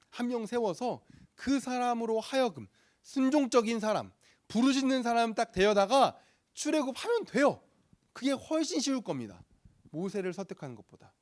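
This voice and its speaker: A young man preaching to a youth group, lively and playful, acting out voices in the story. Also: high-pitched. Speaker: youth pastor.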